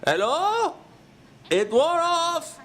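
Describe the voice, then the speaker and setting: A man voicing a young male gorgon who is confused, politely stiff and has a squeaky put-on voice. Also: sing-song, extremely slow, a bit bright, heavily acted. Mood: bewildered.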